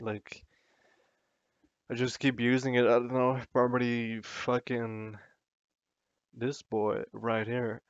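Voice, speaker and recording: A man's voice: medium pitch, clean tone, dry recording, lo-fi sound. A drunk man in a casual, sweary, meandering and self-deprecating ramble to the camera, as a vlogger does.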